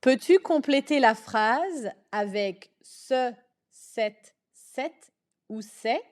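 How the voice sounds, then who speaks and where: A woman teaching a language lesson at a very slow, careful pace. Her pitch sits a little high and moves a lot as she lays out example words one at a time. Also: animated. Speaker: French teacher.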